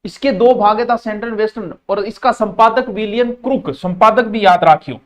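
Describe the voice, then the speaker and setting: Rajasthani accent, high-voiced male teacher. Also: normal speed. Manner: drills key terms by repetition, mixes in Rajasthani words. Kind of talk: live online exam-prep class.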